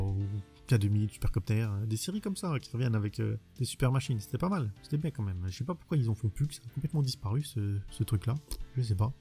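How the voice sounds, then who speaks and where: A man's voice: mid-range voice, mellow. A man chatting bluntly in a casual vlog, rambling and restarting as he answers viewer questions. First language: French.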